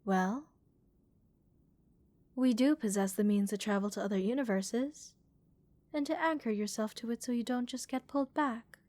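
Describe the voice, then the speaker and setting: A woman with a fairly high, natural voice performs a curious, calm female alien scientist in a relaxing ASMR roleplay, measured, clinical and gently reassuring. The recording is dry, and the mood thoughtful and measured.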